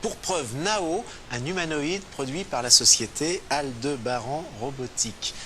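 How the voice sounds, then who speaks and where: A man hosting a TV interview, introducing his guest and asking brisk, direct questions. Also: mid-range voice, fairly bright tone, slight background noise. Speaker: TV interviewer, host. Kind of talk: TV news interview.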